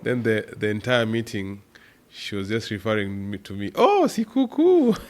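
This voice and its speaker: A man from Kenya, a guest on a podcast, telling stories about growing up on a farm in a relaxed, animated way, with laughs along the way. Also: on the low side, moderate pace. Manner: animated storyteller who laughs while telling anecdotes. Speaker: podcast guest, startup executive. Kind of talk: relaxed storytelling interview.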